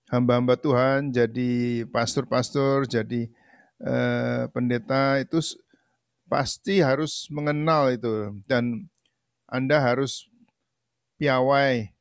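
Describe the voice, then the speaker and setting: A man hosting an online Bible school class, speaking in an encouraging but halting way. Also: medium pitch, smooth, no echo, clean studio sound. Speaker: class host. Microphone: video call.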